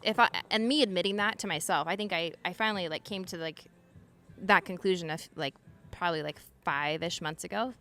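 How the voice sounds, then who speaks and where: A woman in her thirties, a podcast guest, talking candidly and casually, with many filler words, frequent swearing and quick laughs. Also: on the low side, a bit bright. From Utah. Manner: chatty, lots of "like" fillers and swearing, laughs often.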